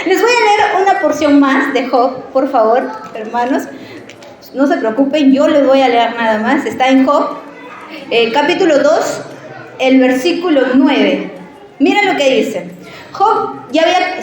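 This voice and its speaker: A woman with a high voice preaches in a church, mixing a sermon with a personal story. She talks in an animated, chatty way and keeps checking in with her listeners. Her voice rings through a very echoey hall. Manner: animated, conversational, often asks the audience questions.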